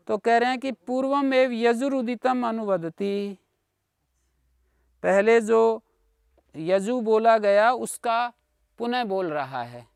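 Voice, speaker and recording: A man's voice: extremely high pitch, gravelly, smooth, no echo, studio quality. A man teaching Sanskrit grammar in an online class, patiently explaining and checking in with his students. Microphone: video call.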